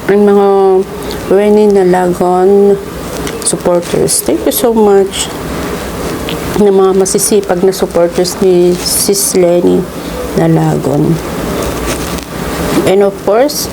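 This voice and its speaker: A woman with a Filipino accent chatting casually as a mukbang vlogger, halting and pausing between phrases. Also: mid-range voice, steady tone, vocal fry, noisy background. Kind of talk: casual vlog chat with shout-outs.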